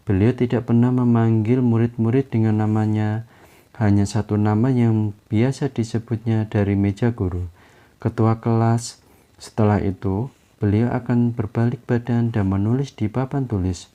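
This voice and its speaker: A man reading a self-help book aloud in a steady, measured way. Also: mid-range voice.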